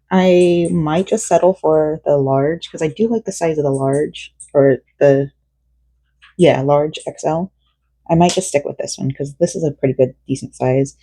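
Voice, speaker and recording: Born in South Korea and raised in Florida, a tired young woman rambles chattily in a casual vlog while crocheting at home, using many fillers and correcting herself often. Her voice sits low and sounds dark and husky, at a measured pace, in a dry recording.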